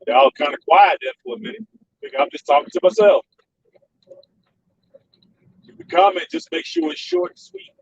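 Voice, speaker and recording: A man live-streaming from behind the wheel, his gravelly voice leaping between low and high as he talks to viewers. The audio is muffled and comes from a phone mic set well away from him. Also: huge pitch swings, moderate pace, long pauses, far from the mic, slight background noise. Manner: chatty, keeps calling on viewers. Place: in a car while driving.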